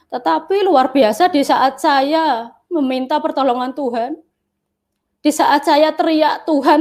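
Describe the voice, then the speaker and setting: High-voiced woman giving an earnest testimony. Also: a little mellow. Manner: earnest, repetitive phrasing, often addresses the interviewer. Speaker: interview guest telling her life story. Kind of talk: personal testimony.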